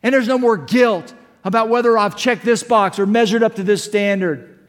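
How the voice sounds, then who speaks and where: A man with a high voice preaches a fervent sermon, swinging from hushed, low lines to ringing shouts. His words echo with a long reverb through a church sanctuary. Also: normal speed. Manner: impassioned preaching, rising to shouts, rhetorical questions. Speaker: pastor.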